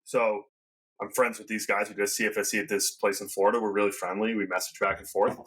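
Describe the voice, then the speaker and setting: A man hosting a podcast, talking in a quick, emphatic, coaching way. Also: on the low side, level tone, fairly bright tone, husky. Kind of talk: casual podcast conversation.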